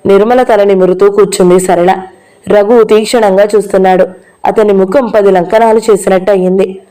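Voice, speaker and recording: Female audiobook narrator, even storytelling read, warm dark tone. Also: mid-range voice, normal speed, poor audio. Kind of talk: reading a novel aloud, voicing all characters.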